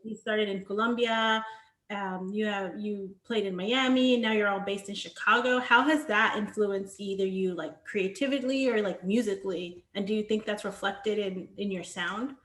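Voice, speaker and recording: A woman's voice: medium pitch, steady tone, normal speed, a bit bright, reverberant. A woman interviewing a band over a video call, upbeat and friendly, with many fillers. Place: her home in a large US city.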